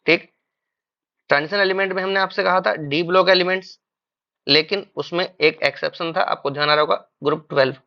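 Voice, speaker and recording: A man's voice: high voice, steady tone, fairly quick, creaky, dull audio. A man teaching chemistry in a classroom-style lecture. He calls his students "beta", poses questions and answers them himself, and mixes English terms into Hindi.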